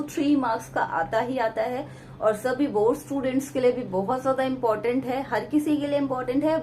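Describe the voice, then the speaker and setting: A woman's voice: fairly high pitch, warm tone, reverberant, a little hiss or hum. A woman teaching English grammar for exam preparation, explaining step by step and asking the class questions as she goes. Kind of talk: exam-prep lesson.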